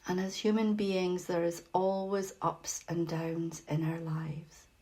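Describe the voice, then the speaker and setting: With a fairly low, flat delivery, a woman facilitates a guided meditation. Her gentle, slow speech includes long pauses, and her soft voice grows breathy at phrase ends.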